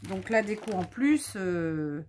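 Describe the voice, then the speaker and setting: A woman's voice: medium pitch, lively intonation, slow, noisy background. A tired woman hosting a scrapbooking video, thinking aloud and teasing herself playfully as she works. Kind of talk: casual craft demonstration.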